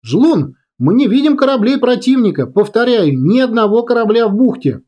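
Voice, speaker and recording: A man voicing a young woman pilot commander who shouts urgent orders over the radio in an audiobook. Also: on the high side, animated, a little slow, highs cut off. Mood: tense reporting.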